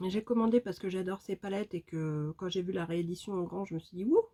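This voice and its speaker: A woman's voice: fairly low pitch, fairly even intonation, fast talker, dark tone. A woman beauty vlogger chatting casually and enthusiastically to her viewers about makeup, with lots of fillers. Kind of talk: casual makeup vlog chat.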